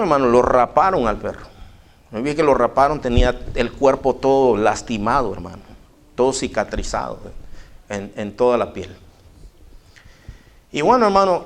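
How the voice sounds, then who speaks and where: Folksy preaching man. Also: medium pitch. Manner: folksy, addresses listeners as brother. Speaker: pastor. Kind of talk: storytelling sermon. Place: church.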